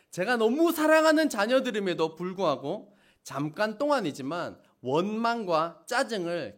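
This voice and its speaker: A middle-aged male pastor giving a sermon, dramatically acting out the wailing and complaints of a crowd. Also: high-pitched. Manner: dramatic, acts out wailing crowds in loud outbursts.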